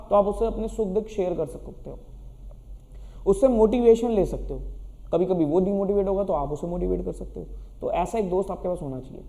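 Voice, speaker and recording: A man speaking to students in a direct motivational talk, asking questions and then answering them. His voice sits high but has a mellow, warm tone. A long reverb trails after his words. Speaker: teacher.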